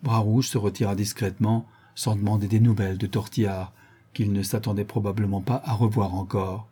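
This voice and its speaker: A man narrating a classic novel as an audiobook in a measured, even storytelling manner. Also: lowish voice, husky.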